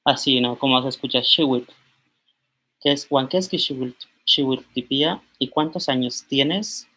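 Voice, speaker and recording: Brief: man in his twenties from Mexico, bright voice, unhurried teacher who repeats each word. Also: medium pitch. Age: 20s. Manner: slow, repeats words aloud while writing on a board. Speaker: language teacher. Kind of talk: informal language lesson.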